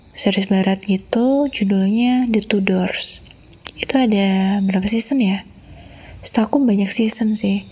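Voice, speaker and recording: Playing an affectionate, teasing young wife in an ASMR role-play, a woman with an Indonesian accent tells bedtime stories to coax the listener to sleep. Her medium-pitched voice is soft, breathy, intimate, and soothing.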